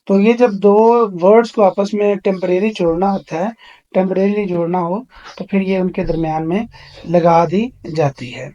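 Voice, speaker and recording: A man with a Pakistani accent teaching a recorded lesson. He explains exercises patiently, reads English phrases slowly and drawn out, and pauses often with "uh". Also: high-pitched, dark tone, highs cut off.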